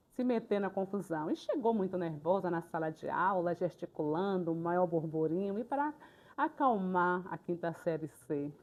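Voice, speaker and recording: An older woman, a retired teacher telling classroom stories in a lively, colloquial way for a documentary. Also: medium pitch. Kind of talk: documentary interview storytelling. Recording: slightly dull, lo-fi sound.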